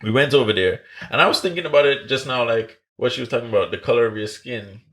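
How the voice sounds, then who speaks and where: Man from Antigua, mid pitch, relaxed podcast storyteller, swears and repeats himself. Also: fast. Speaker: podcast co-host. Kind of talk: casual storytelling.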